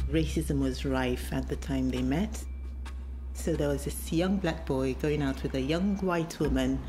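A woman from Nigeria gives a calm, reflective documentary interview. Her voice is very low for a woman. Music plays clearly beneath her words.

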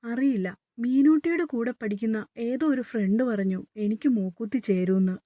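A woman voicing a shy, timid young wife who speaks softly and pleads, in a story read aloud. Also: on the high side, moderate pace, no echo, natural voice. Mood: pleading. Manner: pleading, soft-spoken.

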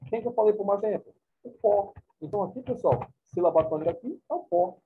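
A man's voice: sits high, fast, slight background noise. A man teaching a class, explaining points informally and often checking in with his students. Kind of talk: classroom lecture. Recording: tinny phone-like recording.

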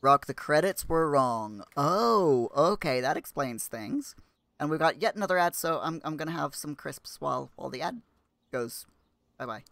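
A man's voice: a little high, animated, moderate pace, creaky, fairly bright tone, dry recording. A man chatting casually while live-streaming a game, rambling and restarting his sentences.

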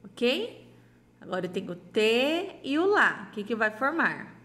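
A woman teaching young children in a gentle, affectionate way, sounding out syllables slowly and checking in often. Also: fairly high pitch, very animated. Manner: affectionate and sing-song, with diminutives and frequent "ok?" check-ins. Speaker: primary school teacher. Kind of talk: slow, gentle remote lesson for young children.

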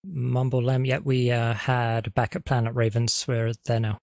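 A man's voice: mid-range voice, level tone, normal speed, vocal fry, a little mellow, no room sound, clean studio sound. Man reporting over team voice comms. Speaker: squad leader. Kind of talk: tactical radio callouts.

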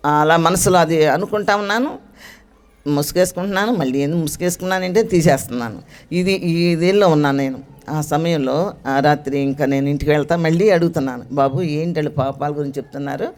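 A woman's voice: sits low, darkish tone. Middle-aged woman, church testimony; earnest storyteller who acts out quoted speech. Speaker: church member giving testimony. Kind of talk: personal faith testimony.

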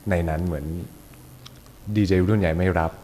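A man hosting a podcast, asking halting questions and slipping English phrases into his talk. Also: deep voice, mellow, a little hiss or hum. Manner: halting, mixes English phrases, hesitant restarts. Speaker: podcast host. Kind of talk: casual interview.

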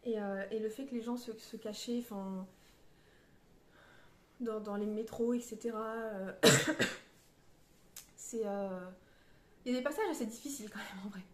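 A woman's voice: medium pitch, a little slow, pauses often, echoey room, slight background noise. A woman reviewing a novel in a casual book vlog, hesitant and searching for her words, with many fillers and restarts. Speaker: book vlogger. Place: on a beach.

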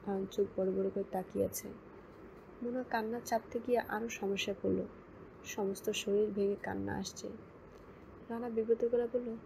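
A woman reading a novel aloud as an audiobook narrator, in a steady storytelling manner. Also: mid-range voice, creaky, a little hiss or hum, rough recording.

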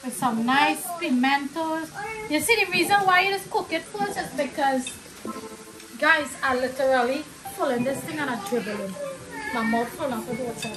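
High-voiced loud Trinidadian woman cooking. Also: normal speed. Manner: loud, lively, talks to viewers. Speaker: home cook and vlog host. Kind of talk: casual cooking demonstration. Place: home kitchen. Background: loud music and frying.

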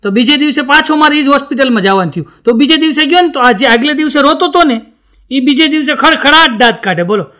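A man's voice: extremely high pitch, fast talker. A stand-up comedian from Gujarat, a man, telling jokes and acting out the people in them. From Gujarat, India. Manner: animated storytelling, acts out the people in his jokes.

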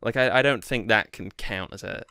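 A young man rambles through a relaxed podcast conversation, full of restarts and fillers. His voice is bright and smooth. The sound is close and dry, with no room around it. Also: fairly low pitch, normal speed, no room sound. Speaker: podcast co-host. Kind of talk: casual chat.

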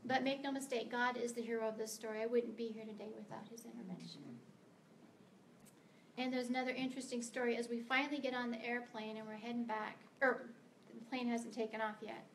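A middle-aged woman from the United States speaks to a meeting as a guest author. Her voice sits a little high, and her delivery is earnest and emphatic. She sometimes stumbles and restarts her words, and faint noise hums underneath. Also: flat delivery, a little fast. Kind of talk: prepared speech to a meeting. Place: meeting room of a library.

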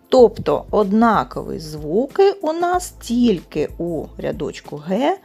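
Woman teacher, animated pitch, gravelly mellow voice, exam lesson, faint music behind. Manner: clear explanatory, stresses example words. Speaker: language teacher.

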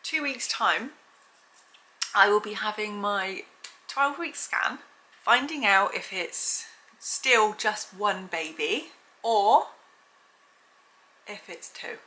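A woman's voice: medium pitch, slow, pauses often, rough recording. A woman in her forties giving a chatty pregnancy update vlog, slightly out of breath. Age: 40s. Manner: chatty, upbeat, breaks into excited whoops. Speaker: vlogger.

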